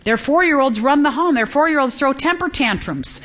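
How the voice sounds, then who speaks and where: A middle-aged woman teaching from the Bible to a women's gathering, earnest and climbing high and emphatic when she stresses a point, acting out the voices of children and parents. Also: animated, normal speed, fairly bright tone. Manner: acts out quoted children and parents.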